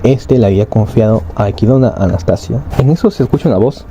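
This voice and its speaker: A man's voice: lowish voice, fast talker, dark tone, a little hiss or hum. A man casually retelling an anime story, rambling along with fillers and tag questions. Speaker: anime recap narrator.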